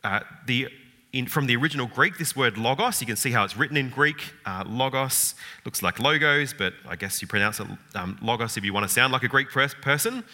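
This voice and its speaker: Talking a little fast in a medium-pitched, pushed and bright voice, a Bible teacher works through an informal lecture. He is thoughtful, leans on rhetorical questions, and often fills or restarts, while long hall reverb surrounds him.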